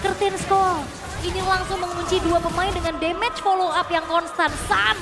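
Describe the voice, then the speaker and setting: Indonesian lady esports caster, really high voice, animated chatty analysis, loud music in the back. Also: normal speed. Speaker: esports commentator. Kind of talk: excited esports match analysis.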